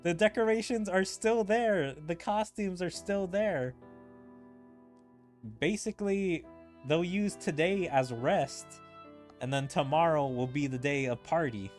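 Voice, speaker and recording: A streamer plays through a video game's story, offering casual, rambling and hesitant commentary and reading the dialogue aloud. The voice is mid-range at a measured pace, with soft music in the background.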